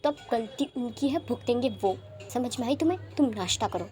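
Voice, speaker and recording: A woman's voice: on the high side, animated, moderate pace, warm tone, lightly acted. A woman voicing a proud, dismissive wealthy mother. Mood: haughty. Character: haughty wealthy mother, later stammering in fear.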